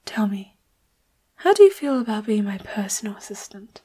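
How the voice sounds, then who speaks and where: A woman with a mellow, mid-range voice and big pitch swings speaks at a moderate pace as a seductive leopard-hybrid boss, secretly murderous but tender with the listener. This intimate audio roleplay has her breathy, often whispering, coy and teasing, with a flirtatious mood.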